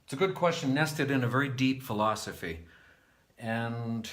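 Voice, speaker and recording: A man from New England giving a slow, deliberate spiritual monologue to his viewers, moving between lively and hushed passages. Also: mid-range voice. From New England, United States. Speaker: vlogger.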